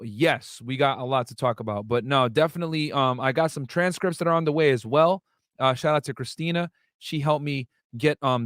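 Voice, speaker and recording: A man's voice: medium pitch, no echo, clean studio sound. A young man from the United States hosting a casual livestream, talking to viewers with lots of fillers and asides. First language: Arabic. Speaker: livestream host.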